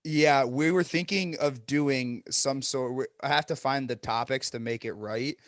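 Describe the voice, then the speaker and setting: A man's voice: medium pitch, unhurried, a bit bright, no echo, clean studio sound. A young man co-hosting a podcast in casual chat, blunt and profane, joking about food and sports. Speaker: podcast co-host.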